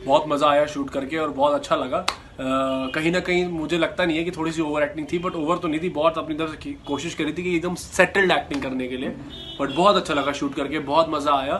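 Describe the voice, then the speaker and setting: A man's voice: a little high, steady tone, a little fast, a bit bright, a little hiss or hum. A man hosting his channel's outro, chatty and upbeat, coaxing viewers to like and subscribe. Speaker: channel host and actor. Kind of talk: casual video outro.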